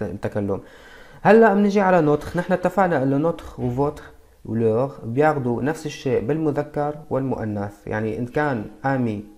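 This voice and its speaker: A man's voice: medium pitch, darkish tone. Syrian-accented male tutor, patient, asks the viewers questions, drags out each French word. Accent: Syrian Arabic. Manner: spells out French words slowly. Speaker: French teacher. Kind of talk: beginner language lesson.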